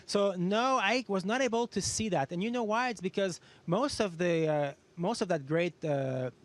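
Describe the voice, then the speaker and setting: A man's voice: high voice, normal speed, no echo. A man speaking as an astronaut in an educational question-and-answer talk, explaining things simply with everyday comparisons. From Canada. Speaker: astronaut guest answering students.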